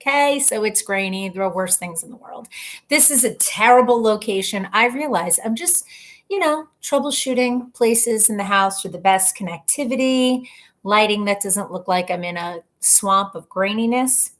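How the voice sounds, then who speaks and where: A woman's voice: medium pitch, normal speed. A woman chatting casually on a livestream from her home computer, greeting viewers by name and poking fun at herself. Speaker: livestream host. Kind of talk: casual live-stream chat. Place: at home, indoors. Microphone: computer webcam mic.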